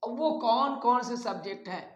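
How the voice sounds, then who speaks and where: Speaking at normal speed in a very high, slightly bright voice, this teacher runs a grammar lesson like a classroom, calling listeners his friends and going over key terms again and again. The audio is dull and echoey.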